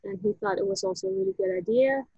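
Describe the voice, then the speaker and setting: A woman speaks in a very high voice full of gravelly fry. She tells her story haltingly and reflectively, restarting her sentences often. The recording is dry and dull, with a lo-fi sound. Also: dark tone. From Netherlands. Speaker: interview guest. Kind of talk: personal story in a casual interview.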